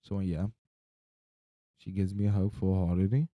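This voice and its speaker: A man's voice: low voice, flat delivery, moderate pace, no room sound, lo-fi sound. A young man, sleep-deprived and drowsy, rambling casually through a personal story in loose slang with some swearing.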